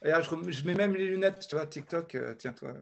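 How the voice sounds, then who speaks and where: Animated, laughing podcast host, a man. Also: on the high side, a little fast, vocal fry. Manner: animated, laughs often, running a game. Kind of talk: casual chat.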